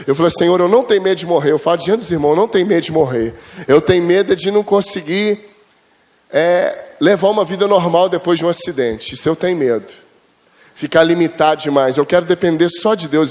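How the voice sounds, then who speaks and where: Male pastor, high-pitched, chatty storytelling sermon with acted-out dialogue. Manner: storytelling, chatty, addresses the congregation as brothers; acts out quoted dialogue with God, rising high and loud.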